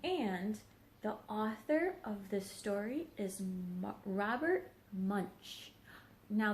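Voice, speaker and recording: A woman teacher reads a story aloud to young children, keeping her explanations simple and checking in with questions. Her voice is medium in pitch, with slight background noise in a roomy, echoing home recording.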